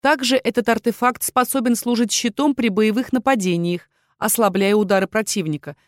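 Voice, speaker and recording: A woman reading a first-person fantasy audiobook in an even, measured storytelling manner, on a close studio mic. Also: a little high, no room sound. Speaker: audiobook narrator.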